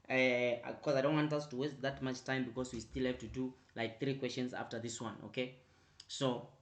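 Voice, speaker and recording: A man teaching an online accounting revision class, repeating his prompts and growing louder and more emphatic as he explains. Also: mid-range voice. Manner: repetitive, prompting with "right?" and "quickly". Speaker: accounting tutor.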